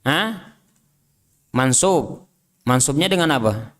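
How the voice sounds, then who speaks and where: A man's voice: medium pitch, lively intonation, takes it slowly, a bit bright. A man teaching an Islamic study class. He reads Arabic text aloud, translates and explains it, and drills his students with short questions. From Indonesia. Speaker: religious teacher.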